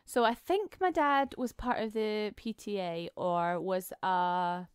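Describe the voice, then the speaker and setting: A woman in her thirties, co-hosting a podcast and telling stories in a giggly, animated way. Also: medium pitch, slow pace, smooth, no room sound, studio quality. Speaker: podcast co-host. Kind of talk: casual chat.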